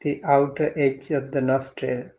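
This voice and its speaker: A male teacher leads a guided meditation, speaking gently and deliberately with long pauses between instructions. His mid-range voice is flat in delivery, and the recording is low quality.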